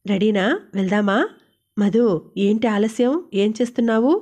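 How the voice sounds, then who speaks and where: A woman's voice: mid-range voice, fairly even intonation, normal speed, dark tone, natural voice. A woman voicing a cheerful young female roommate who teases and fusses over her friend. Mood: teasing. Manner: teasing, fussing.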